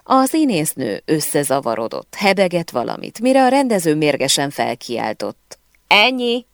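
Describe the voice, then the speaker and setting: A woman narrating a first-person novel aloud in an expressive storytelling manner. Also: low-pitched, no room sound, clean studio sound. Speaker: audiobook narrator.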